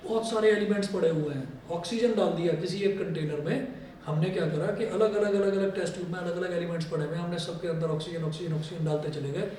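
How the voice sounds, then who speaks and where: High-voiced man teaching chemistry, echoey, distant. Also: quick pace, dark tone, slight background noise. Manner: explains with everyday stories and playful asides. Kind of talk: recorded classroom lecture. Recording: echoey room heard from a distance.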